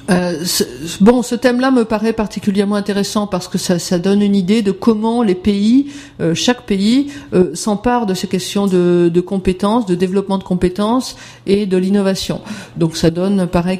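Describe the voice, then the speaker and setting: A conference presenter walking through slides, speaking haltingly with many filler sounds. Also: mid-range voice, dark tone.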